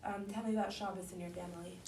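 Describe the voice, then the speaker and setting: A woman's voice: on the low side, fairly even intonation, quick pace, a little mellow. A woman interviewer asking brief, plain questions. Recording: roomy, far from mic, faint noise.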